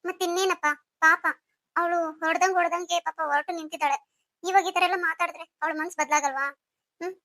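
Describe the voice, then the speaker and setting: A woman's voice: very high voice, steady tone, quick pace, bright, forceful tone, no room sound. A woman voicing a chiding older sister. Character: older sister-in-law, teasing and soothing. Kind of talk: melodramatic audio story acting.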